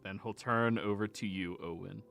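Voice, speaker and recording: A man's voice: fairly low pitch, fairly even intonation, moderate pace, vocal fry, fairly bright tone, faint music behind. A man narrating a tabletop game to his players as game master.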